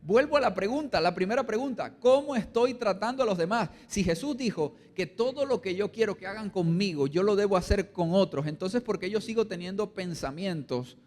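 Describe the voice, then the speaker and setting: A man preaching a sermon as pastor, acting out little quoted voices and swinging between quiet asides and louder points. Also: animated, brisk, few pauses, big-room sound. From Colombia. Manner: preaching with acted-out quotes, dropping low and rising loud. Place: church hall.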